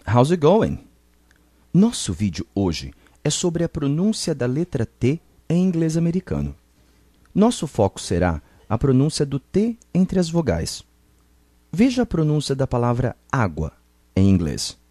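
A man teaching English pronunciation in a scripted lesson, saying each model word slowly and carefully so learners can repeat it. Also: on the high side, wildly swooping pitch, mellow, dry recording.

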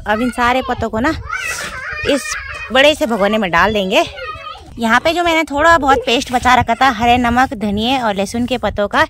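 A woman's voice: a little high, noisy background. A young woman in her twenties from Uttarakhand, chatting casually as she narrates her village vlog outdoors on a phone camera held at arm's length. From Uttarakhand, India. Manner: chatty, explains as she cooks and walks. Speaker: village vlogger.

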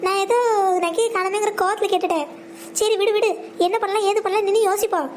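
A woman's voice: very high voice, steady tone, quick pace, slight background noise. A woman voicing an earnest grown son in a cartoon skit who questions his mother and then apologizes. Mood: apologetic. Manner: pleading, apologetic.

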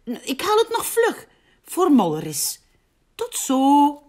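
A woman's voice: high-pitched, huge pitch swings, takes it slowly, a little mellow, voice pushed up, exaggerated voice. A woman doing a whiny little pig boy. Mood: stalling. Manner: whiny, pleading, stalling. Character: fussy young male pig, hesitant.

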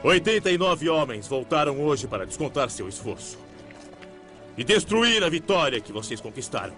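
A man's voice: fairly high pitch, very animated, moderate pace, sharp tone, soft background music. An actor dubbing a stern army general who rallies his troops in a film trailer, speaking in a commanding, grave manner. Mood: rousing.

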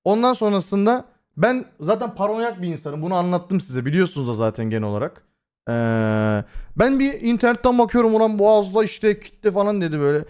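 A young man on a live stream talks loosely with viewers, cursing freely, talking to chat directly, and rambling with fillers. His high voice is sing-song and a little fast, with a darkish yet clean tone. It's been hoarse recently.

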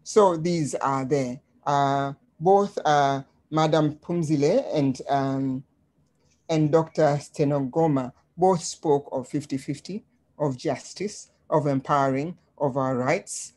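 A woman from Tanzania presenting slides on a webinar in a measured way, with frequent ums, over a video call. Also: low-pitched, darkish tone.

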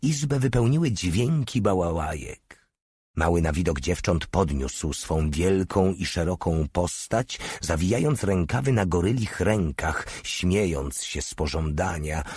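Deep, husky male audiobook narrator. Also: lively intonation, measured pace, darkish tone, no room sound. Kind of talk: scripted narration.

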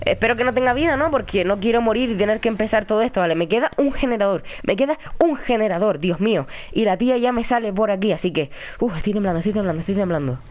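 A man with a Spain Spanish accent, commentating a horror game and chatting with viewers in a jumpy, excitable way. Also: sits high, quick pace, few pauses. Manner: jumpy, excitable, yelps and shrieks when startled; chatty, talks to viewers and a friend in the room. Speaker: gaming commentator. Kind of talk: horror let's-play commentary.

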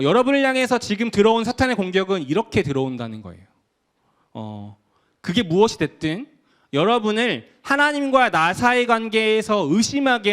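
A man's voice: high-pitched, fairly bright tone. A young man preaching a casual youth sermon, talking conversationally and acting out what teens say. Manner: conversational, acts out quoted voices of teens. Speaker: youth pastor.

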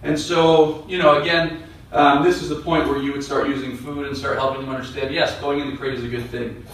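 A male dog trainer calmly explaining and demonstrating training steps, talking to viewers and the dog. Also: mid-range voice, a little fast, a little hiss or hum. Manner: calm, explanatory, coaxing commands to a dog. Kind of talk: instructional demonstration. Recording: very echoey room, distant mic.

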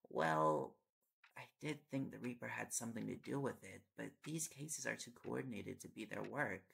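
In an intimate audio roleplay meant as sleep-aid acting, a man plays a tired, affectionate young reporter boyfriend, playful and coaxing and prone to rambling once on a topic. His medium-pitched voice is animated, gravelly, slightly rough, fairly bright, and exaggerated, at a moderate pace. He sounds absorbed and musing.

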